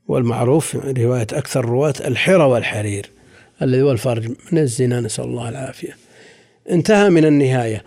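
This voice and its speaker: A man explaining hadith in a slow scholarly lecture, measured and careful, lingering over word forms and quoting commentaries. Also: medium pitch, darkish tone.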